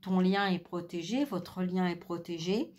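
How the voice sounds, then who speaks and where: A middle-aged woman giving a spiritual card reading, hesitant with many fillers, speaking softly because she is losing her voice. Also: lowish voice, unhurried. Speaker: tarot card reader.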